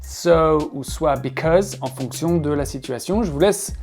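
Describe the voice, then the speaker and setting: Slow-paced teacher. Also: male voice, a little high, a little mellow, faint music behind. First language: French. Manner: playful, self-mocking asides; slow, exaggerated English examples. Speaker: English teacher. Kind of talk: casual video lesson. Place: alone in a room, not a classroom.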